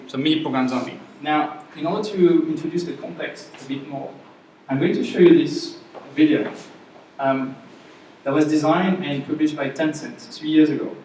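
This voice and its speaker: A workshop instructor with a French accent and a high-leaning, darkish voice runs a casual, chatty class presentation, regularly checking in with the room. Recorded from far off in an echoey space, the audio carries a little hiss or hum.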